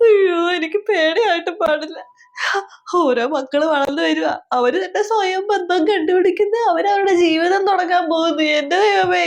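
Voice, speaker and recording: A woman's voice: high-pitched, darkish tone. A woman playing a melodramatic middle-aged mother in a comedy sketch, scolding and lamenting over and over. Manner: scolding, wailing, repeats herself. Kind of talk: comedy sketch role-play.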